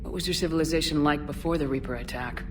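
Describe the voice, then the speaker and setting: Woman playing Shepard, low-voiced space commander. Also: fast, over music, natural voice. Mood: probing. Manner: direct, probing, controlled. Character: steady, direct female military space commander. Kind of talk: video game dialogue.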